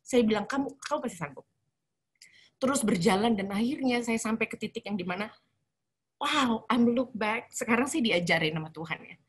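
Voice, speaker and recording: A woman's voice: on the high side, moderate pace, husky. A middle-aged woman from Indonesia giving an emotional spoken testimony on a video call, switching between formal talk and slang with English phrases mixed in. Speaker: guest speaker sharing testimony.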